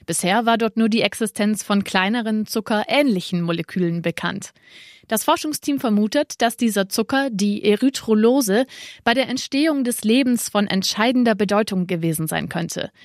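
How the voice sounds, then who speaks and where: A woman's voice: medium pitch, dry recording. Woman reading a science report, dry. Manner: measured, clear explanatory delivery. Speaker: science correspondent. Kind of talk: scripted news report.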